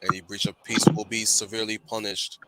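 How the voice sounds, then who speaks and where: A cold, official emergency announcer with a flat, metallic robot voice, as a man puts it on in a casual chat. The tone is bright and edged, and it delivers stiff public orders line by line. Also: lowish voice, fast talker, a little hiss or hum, poor audio. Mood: stern. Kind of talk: casual group chat while reading a comic.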